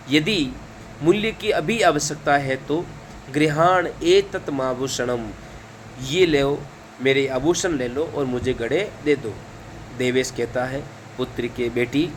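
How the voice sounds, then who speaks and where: Slow, careful male language teacher. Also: on the high side, slight background noise. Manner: reads each phrase then explains it. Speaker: Sanskrit teacher. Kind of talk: line-by-line lesson translation.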